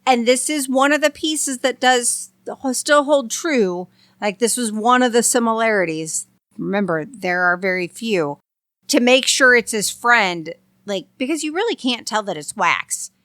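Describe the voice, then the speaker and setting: A woman in her thirties co-hosts a podcast, wry and matter-of-fact in casual chat. Her voice is bright and a little high. The mic is close and dry. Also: animated, measured pace, no room sound. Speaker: podcast co-host. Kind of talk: casual chat reviewing horror films.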